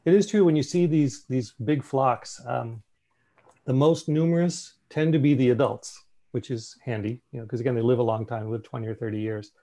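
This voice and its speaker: Presenting a slideshow informally over a video call, a man thinks out loud, using fillers and restarting sentences. His voice is medium-pitched and dark in tone, at a normal speed.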